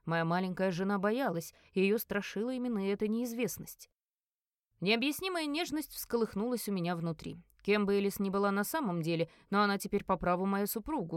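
A woman reading a first-person fantasy audiobook in an expressive narrating voice. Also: medium pitch, clean tone, dry recording, studio quality. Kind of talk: scripted narration.

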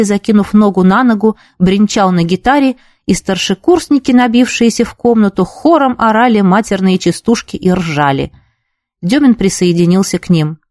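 A woman's voice: medium pitch, no echo, studio quality. Woman reading a book aloud. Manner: lively, voices the characters. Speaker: audiobook reader. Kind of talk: expressive book narration.

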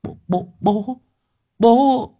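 A man's voice: very high voice, very slow, warm tone, slightly rough, highs cut off, pitched above the performer's own voice, heavily acted. A man voicing an anxious young boy who stammers out his words. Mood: overjoyed. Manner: stammering, urgent.

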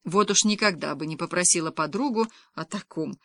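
A woman's voice: on the low side, fairly quick, creaky, fairly bright tone, no room sound. Scornful envious young woman, read by a woman narrator, dismissive tone, dry close sound. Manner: snorting, dismissive.

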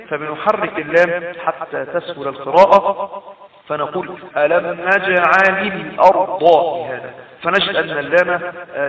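A man with an Egyptian accent teaching Quran recitation rules in a recorded lesson. He explains step by step, repeats his points and asks rhetorical questions. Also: on the high side. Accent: Egyptian Arabic. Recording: tinny phone-like sound, roomy and distant from the mic.

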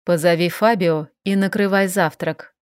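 A woman voicing a calm, dry-witted male vampire advisor who speaks evenly and unhurriedly in an audiobook. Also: fairly low pitch, clean tone, dry recording, close to an everyday voice. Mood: calm teasing. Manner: even, unhurried, teasing.

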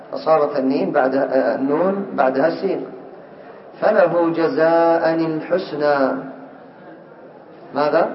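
A man's voice: on the high side, a little hiss or hum. Distant echoey male teacher, muffled. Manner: questions students by name, repeats examples slowly. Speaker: teacher of Arabic morphology. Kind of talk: classroom lesson.

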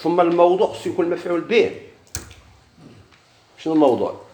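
A man with a Moroccan Arabic accent teaches a grammar lesson, talking fast. He keeps asking his class questions and then answering them himself. His voice rings out in an echoey classroom. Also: fairly high pitch, expressive, dark tone. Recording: echoey room.

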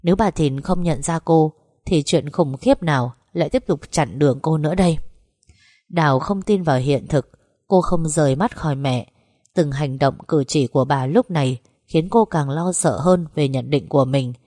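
A woman narrating a story at a steady, even reading pace. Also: low voice, normal speed, no echo, clean studio sound. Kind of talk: audiobook narration.

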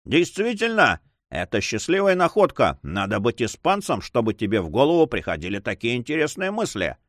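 A man voicing an ironic, quietly bitter young nobleman in an audiobook. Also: mid-range voice, very animated, moderate pace, dry recording, studio quality, pitched above the performer's own voice.

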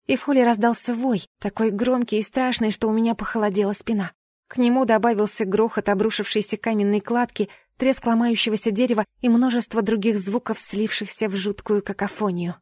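A woman reading a first-person fantasy audiobook with expressive, dramatic storytelling. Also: medium pitch, brisk, no room sound, clean studio sound. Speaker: audiobook reader.

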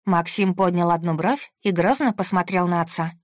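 Casting note woman audiobook narrator, lowish, steady, close and dry. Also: moderate pace, dry recording. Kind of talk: scripted first-person narration.

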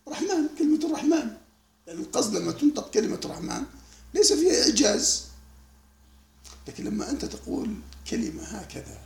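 Animated gravelly lecturer, echoey room. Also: male voice, high-pitched, a little hiss or hum. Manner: animated, rhetorical questions, laughing asides. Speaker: sheikh teaching a classical text. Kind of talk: spontaneous lecture commentary.

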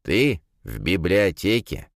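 A man's voice: deep voice, lively intonation, moderate pace, dry recording, clean studio sound. A man voicing a grumbling, skeptical middle-aged professor of artifacts in an audiobook.

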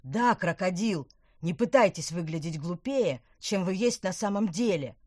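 A pompous, venomous villain snarls his threats in a storybook voice, put on by a woman reader. His delivery is loud and sneering, set somewhat low, recorded dry and close. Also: normal speed, dry recording, natural voice. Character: spiteful pompous grown man, hissing threats.

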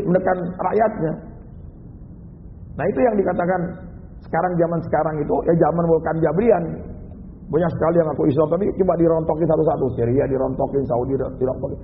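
Male preacher, high voice, animated storytelling, thin tinny sound, long hall reverb. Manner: animated storytelling, acts out quoted people. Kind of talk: religious lecture.

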